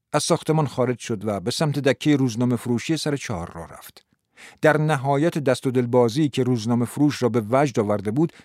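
A man narrating an audiobook in an expressive, dramatic storytelling manner. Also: medium pitch, no room sound, clean studio sound.

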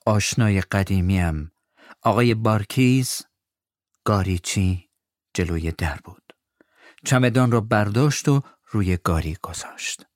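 A man narrating a storybook in a calm, measured way. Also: fairly low pitch, dry recording, clean studio sound. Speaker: audiobook narrator.

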